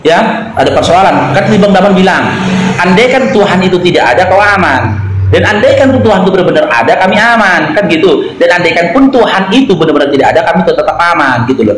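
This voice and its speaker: A man with a high voice lays out an argument step by step, taking part in a live online debate. His voice rings in an echoey room, with a faint hiss behind it. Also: expressive, quick pace, a bit bright. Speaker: debate participant.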